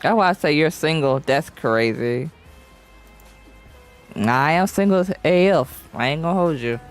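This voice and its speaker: Animated yet measured, a young woman with a low voice streams a game as a VTuber, reading chat aloud and joking around in slangy, lighthearted talk. Faint music plays underneath.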